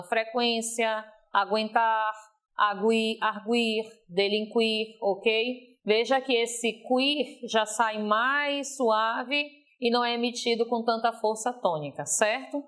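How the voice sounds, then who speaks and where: A woman teaching a recorded lesson in a fairly high voice. She explains patiently and drags out example words slowly to make them clear, often pausing to check in with her students. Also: fairly bright tone. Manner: didactic, stretches example words slowly, frequent "ok?".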